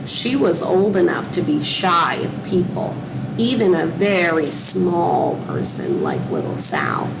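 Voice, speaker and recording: A woman reading a children's story aloud slowly, with a lively, swooping voice and a gravelly edge. Outdoor traffic noise hums behind her. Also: lowish voice. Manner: slow, expressive storytelling.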